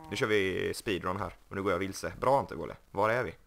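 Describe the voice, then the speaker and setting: A man's voice: low voice, gravelly, fairly bright tone, slight background noise. A young man casually commenting on his game, joking and mocking himself. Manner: joking, self-mocking, puts on silly voices. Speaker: gaming YouTuber. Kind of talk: casual Let's Play commentary.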